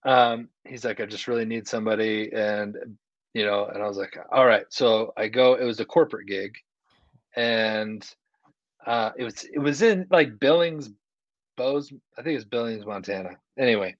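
A man's voice: medium pitch, normal speed. A man telling a casual anecdote as a guest comedian on a podcast, recorded in a hallway with audible echo. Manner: conversational, quotes other people's dialogue. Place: indoor hallway, video call. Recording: echoey hallway, dull muffled sound.

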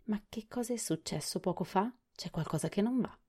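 A woman voicing a meek, newly living male wooden sawhorse in a storybook, asking puzzled questions in a raised, husky voice. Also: medium pitch, a little fast, a little mellow, pitched above the performer's own voice, close to an everyday voice. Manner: surprised, innocent questioning.

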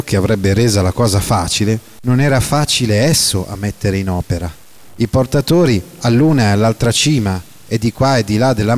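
A man narrating a classic novel in a measured, dramatic reading that slows down for emphasis. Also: medium pitch, a little mellow.

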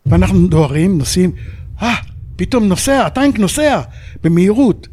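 A man in his seventies, a war veteran recounting his memories in an interview, acting out the radio calls as he goes. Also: sits high. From Israel. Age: 70s. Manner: animated storyteller who acts out radio calls.

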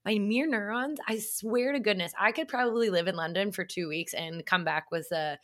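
A woman from Canada co-hosts a sports podcast in easy, casual chat. Her voice is bright and crisp, and she bubbles along with frequent laughs and animated asides. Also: fairly low pitch, brisk. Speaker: podcast co-host.

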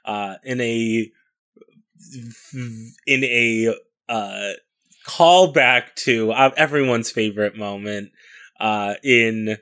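Slow-talking man playing a tabletop game. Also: mid-range voice, sharp tone, clean tone. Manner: hesitant, filler-heavy. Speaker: player. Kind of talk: casual tabletop play.

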